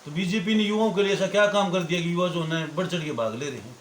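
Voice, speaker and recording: Male reporter, quick clipped questions, echoey space with faint noise behind. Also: high-pitched. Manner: brisk, short questions. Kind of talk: interview questions.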